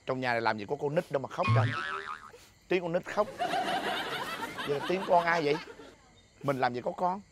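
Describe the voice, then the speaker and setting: A man's voice: a little high, animated, normal speed, long pauses, very noisy. A man with a Southern Vietnamese accent playing a blustering, stammering husband in a comedy skit.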